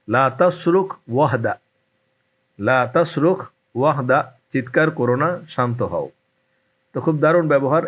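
A man teaching Arabic phrases in a slow, repetitive lesson, saying each phrase twice and then giving its meaning. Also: mid-range voice, dull audio.

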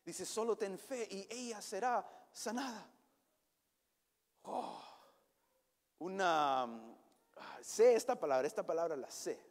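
A male pastor giving an animated sermon, sometimes slipping English words into his preaching. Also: high-pitched, takes it slowly, long pauses. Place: church hall. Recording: long church hall reverb.

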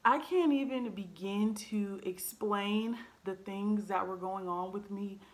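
In her living room, a twenty-something vlogger tells a candid personal story straight to a camera placed in front at desk height. Her voice is medium in pitch and slow, and she comes across as earnest and blunt, saying um and like frequently.

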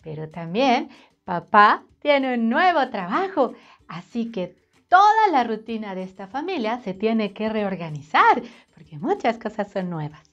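High-voiced woman telling a kids' story. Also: measured pace, lo-fi sound. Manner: animated, sing-song, talks directly to the child. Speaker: children's storyteller. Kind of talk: reading a storybook to children.

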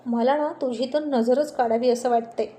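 A woman's voice: on the high side, fairly even intonation, moderate pace, warm tone, a little hiss or hum, natural voice. A woman reading a story aloud and voicing a cheerful younger sister who teases her brother. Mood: teasing. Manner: playful, teasing.

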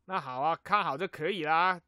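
A man with a Cantonese accent in his Mandarin, narrating a casual software tutorial and dropping in English terms. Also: a little high, normal speed, smooth, no echo, studio quality. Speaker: tutorial host. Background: music behind the voice.

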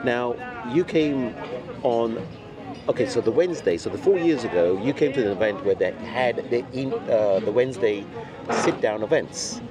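This middle-aged host, a cigar retailer, keeps a casual lunch chat going on camera, repeating phrases to stress them. His mid-range, expressive voice moves at normal speed against crowd noise and music, at an outdoor restaurant table next to a stone wall.

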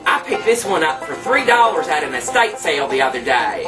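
Pitched on the high side, this man's voice swings widely and moves fairly quickly. He's a cooking show host in character as a campy, penny-pinching trailer park queen, cheerfully walking viewers through a folksy, tongue-in-cheek recipe in a small home kitchen. A distant camera microphone picks him up over background music.

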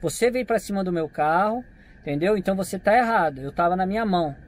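A man with a Brazilian Portuguese accent, a vlogger retelling a run-in to his camera in a casual, animated way, acting out both sides of the dialogue. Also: sits high, fast talker. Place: parked outside a convenience store.

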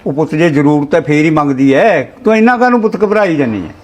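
A man playing a soothing, soft-hearted father. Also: on the high side, expressive, quick pace. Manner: placating, calls everyone son. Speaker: father in a family skit. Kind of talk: Punjabi short-film acting.

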